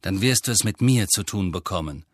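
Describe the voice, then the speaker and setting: A man doing a loud, hot-tempered man. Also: low-pitched, lively intonation, brisk, dry recording. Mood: angry. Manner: loud, aggressive and heated. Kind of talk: audiobook character voice.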